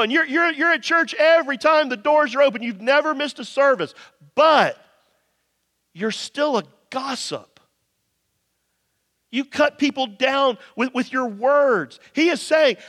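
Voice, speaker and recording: Reverberant hall, male preacher, high voice, emphatic, conversational, direct address. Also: fairly bright tone. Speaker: pastor preaching. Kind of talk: sermon to a congregation. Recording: long reverberant hall sound.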